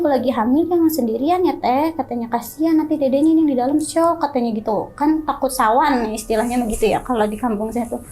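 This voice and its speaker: A young woman tells a personal ghost story as an interview guest. She talks in an animated way and acts out other people's lines in quoted voices. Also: a little high. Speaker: guest telling her story.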